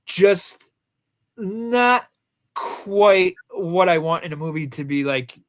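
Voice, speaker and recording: A high-voiced man with lively intonation speaks slowly, joking and teasing while co-hosting a movie countdown show. His Rhode Island accent colors the casual conversation about films.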